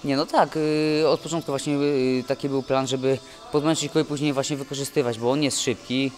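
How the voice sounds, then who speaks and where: Zrezygnowany młody mężczyzna, bokser po walce. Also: male voice, medium pitch, little pitch movement, darkish tone, soft background music. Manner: dejected, halting, many restarts. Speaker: boxer. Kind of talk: post-fight interview. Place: event press wall, indoors. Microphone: handheld mic held by interviewer.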